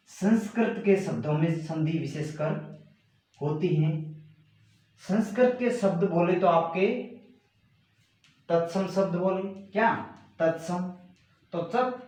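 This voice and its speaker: Man, teacher, slow deliberate delivery, slightly high voice, heavy room echo. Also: darkish tone. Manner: slow, repetitive, stresses key words. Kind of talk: classroom grammar lesson. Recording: very echoey room.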